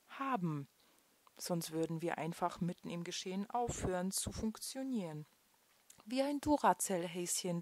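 A woman's voice: lowish voice, darkish tone, dry recording. A woman weight-loss coach telling a story dramatically, then drawing a motivational lesson from it.

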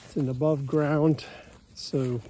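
An American cattle farmer, folksy and plain-spoken, casually narrates his chores in an open pasture while holding a phone behind the camera. His voice sits on the high side with a dark tone, a level delivery, and a slow pace. A little hiss or hum is present.

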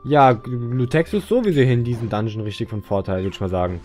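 A man's voice: mid-range voice, quick pace, darkish tone, soft background music. A man casually commentating as he plays a video game, joking, mumbling and chatting to the screen. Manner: goofy, chatty, talks to the game. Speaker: let's player.

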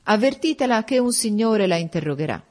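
A woman reading as a brisk army colonel. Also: mid-range voice, animated, darkish tone, pitched above the performer's own voice, close to an everyday voice. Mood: decisive.

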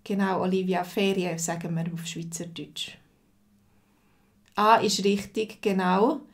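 A Swiss woman in her forties speaks with a Swiss German accent as she runs a live-streamed language lesson. She talks slowly and deliberately at a mid-range pitch. She pauses to answer viewers' comments by name with unhurried patience. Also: steady tone. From Switzerland. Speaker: language teacher.

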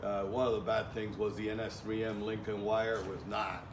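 A man's voice: fairly low pitch, little pitch movement, normal speed. A middle-aged man teaching welding outdoors in a plainspoken way, with many fillers and restarts, recorded from a far camera. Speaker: welding instructor. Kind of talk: casual outdoor lecture. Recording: echoey, from a distance, faint ambient noise.

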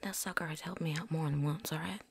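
In a whispered role-play, a woman voices a chatty, folksy veteran vampire hunter with a put-on drawl and casual slang, talking around something in her mouth. Her voice is low, fairly even, and fast, with vocal fry. The mood is chatty and wry.

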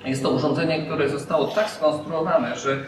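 A middle-aged man talks through a surgical mask, pausing often with filler sounds as he addresses a press gathering. He sounds far from the microphone in a very echoey room. Steady background noise sits under his voice. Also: a little high. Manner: hesitant, many filler sounds. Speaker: hospital representative. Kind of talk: speech at a press event.

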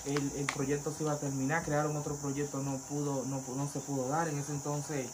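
Speaking a little fast in a fairly high male voice, this interview guest with a Dominican accent relates his journey from pastor to vodou priest. The conversation is casual storytelling, and he's animated, imitating others' voices as he recounts things, over background noise.

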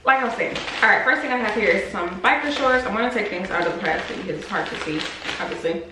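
A young woman vlogger chats casually and quickly in an expressive, medium-pitched voice while showing her viewers a clothing haul and calling them y'all. She's in a room of a house under renovation, filmed by a camera on the desk in front of her, with roomy echo and clear background noise.

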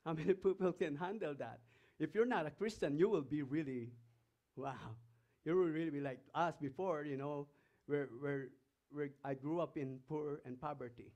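Emphatic Filipino-accented pastor preaching. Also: male voice, fairly high pitch, moderate pace, a little mellow. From Philippines. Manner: emphatic, asks the congregation rhetorical questions; reads scripture passages aloud between remarks. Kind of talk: sermon.

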